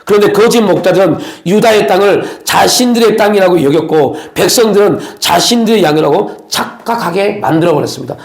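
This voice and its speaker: A man's voice: sits high, creaky, reverberant. A man preaching a Sunday sermon as pastor, asking the congregation questions and acting out quoted voices. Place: church sanctuary.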